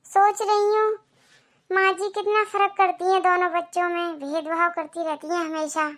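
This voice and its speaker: A woman voicing a kind elder daughter-in-law in a cartoon, soft-spoken, sympathetic and a little troubled. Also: very high voice, little pitch movement, moderate pace. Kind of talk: Hindi cartoon voice acting.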